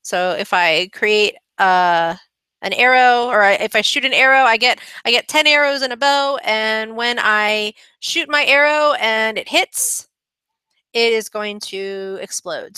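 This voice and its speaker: Bright, crisp-voiced woman explaining casually. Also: a little high, dry recording, rough recording. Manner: chatty and upbeat, with frequent ums. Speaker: kids' coding club instructor. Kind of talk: screen-recording tutorial walkthrough.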